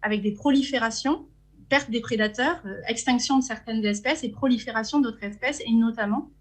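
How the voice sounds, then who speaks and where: A woman's voice: on the high side, a little fast. A woman with a French accent giving an academic conference talk from slides, hesitant, with frequent fillers and restarts. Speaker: conference speaker.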